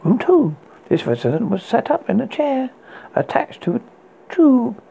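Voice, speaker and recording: A woman horror host with a husky, gravelly voice, narrating a scripted scary story in a deliberate reading with occasional stumbles. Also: a little high, big pitch swings, mellow.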